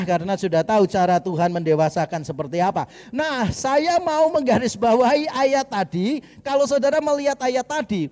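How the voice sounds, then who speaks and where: A male pastor with a high-pitched voice delivers a lively, joking sermon and acts out short asides along the way. His voice rings through a church hall with a long reverb tail. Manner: humorous, conversational preaching with acted-out asides.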